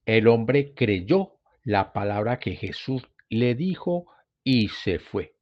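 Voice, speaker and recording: A man's voice: medium pitch, big pitch swings, takes it slowly. A man preaching a Bible study sermon in an earnest teaching manner, with emphatic rises. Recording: dull lo-fi recording.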